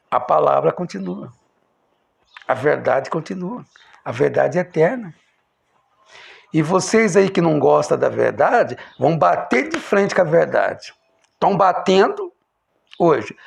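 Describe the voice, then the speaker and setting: A man preaching an impassioned sermon, emphatic, swinging between loud exclamations and low, quiet lines. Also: gravelly.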